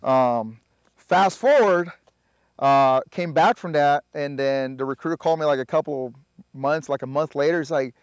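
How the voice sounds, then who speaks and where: A man, a Spanish speaker, telling his story in a relaxed, halting way full of filler sounds. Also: fairly high pitch, smooth, dry recording, clean studio sound. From Puerto Rico. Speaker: army veteran guest. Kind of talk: casual interview storytelling.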